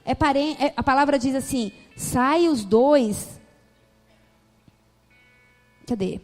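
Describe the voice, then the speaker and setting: High-voiced woman pastor preaching in a hall. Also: slow pace, faint music behind. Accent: Brazilian Portuguese. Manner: animated storytelling, acts out family dialogue. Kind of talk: sermon. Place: church hall.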